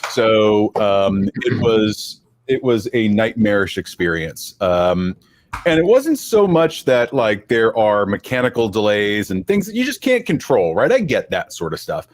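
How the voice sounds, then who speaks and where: A man hosts a relaxed podcast chat in a fairly low voice. He talks in an easygoing, rambling way, with good-natured teasing of the people with him. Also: measured pace, no echo. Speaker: podcast host.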